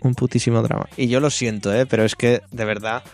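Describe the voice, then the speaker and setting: A man with a Spain Spanish accent, hosting a casual film review chat, blunt and quick to swear. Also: mid-range voice, steady tone, a little mellow, soft background music. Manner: blunt, swears freely, rants.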